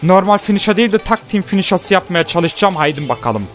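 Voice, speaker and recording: A man with a high, bright voice commentates his own wrestling game live, taunting the opponent and yelling the pin counts. Faint game music runs quietly behind him. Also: expressive, quick pace. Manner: trash-talks the opponent, shouts and counts pins. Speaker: gaming channel host. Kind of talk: excited live gameplay commentary.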